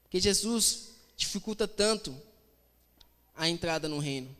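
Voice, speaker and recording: A man delivers a lively sermon in a high, bright voice, chatting and acting out scenes with humor. His preaching rings through a reverberant church. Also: a little slow. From Brazil. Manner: conversational, animated, acts out quotes with humor.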